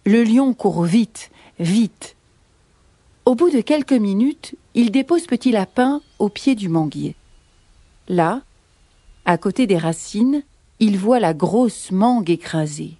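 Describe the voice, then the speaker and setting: A woman tells a children's story at an unhurried pace. Her voice is mellow and warm, and it rises and falls a lot to keep the tale lively. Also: medium pitch, dry recording.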